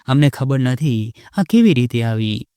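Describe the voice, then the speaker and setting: A man voicing a gentle old mother-in-law who pleads through tears. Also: medium pitch, animated, a little slow, smooth, no room sound, studio quality, close to an everyday voice. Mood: tearful. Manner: crying, pleading.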